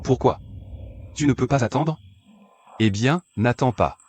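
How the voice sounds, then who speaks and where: Gentle shy student; mid pitch, plain, a little hesitant. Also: male voice, measured pace, breathy edge. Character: gentle bright male student, sick and shy. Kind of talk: French dub of a series.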